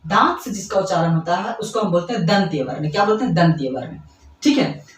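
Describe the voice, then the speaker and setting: A man's voice: high-pitched, expressive, far from the mic. A man teaching grammar to school students. He keeps checking that they follow along and calls them kids. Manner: explains by repeating, checks in with "ठीक है" and quick questions to students; addresses students fondly as kids. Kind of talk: classroom-style lesson explanation. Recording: echoey room, away from the mic.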